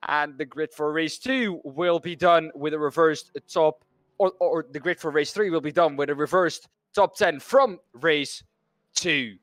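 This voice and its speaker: A man's voice: a little high, measured pace, fairly bright tone, no echo. A man from the Netherlands commentating a sim racing broadcast, rambling and correcting himself as he stumbles over names. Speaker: race commentator.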